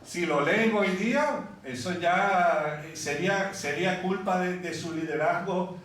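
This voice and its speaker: A man from Venezuela preaching a sermon in a conversational, unhurried way and singing scripture passages in a church hall. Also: high-pitched, a bit bright. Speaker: pastor. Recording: echoey room from far off.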